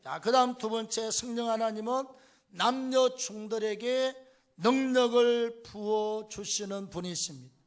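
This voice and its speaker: A pastor delivering a sermon with fervent, emphatic preaching. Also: male voice, high voice, a little slow.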